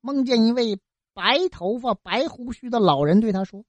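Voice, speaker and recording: A woman telling a folk tale in a colloquial, lively way, full of interjections and sound effects. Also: a little high, normal speed, no room sound, muffled recording. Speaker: storyteller.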